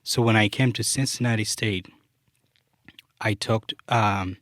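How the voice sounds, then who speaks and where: This young man from Uganda, a Luganda speaker and software developer, is a podcast guest chatting casually. He talks at a measured pace in a lowish voice, relaxed and heavy on "like" and "you know," with clean studio sound and no echo.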